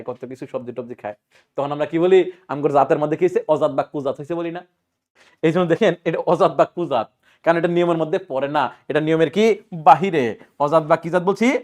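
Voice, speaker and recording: A male teacher with a Bangladeshi Bengali accent, running an exam-prep grammar lesson and drilling students with repeated questions and answers in brisk, colloquial speech. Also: a little high, darkish tone.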